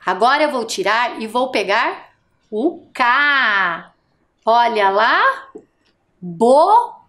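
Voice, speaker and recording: A woman leads a first-grade lesson for a TV broadcast, sounding out each letter and syllable slowly and patiently. Her voice sits fairly high and swings widely in pitch, coaxing the children along. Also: animated, sharp tone. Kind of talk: televised classroom lesson for young children.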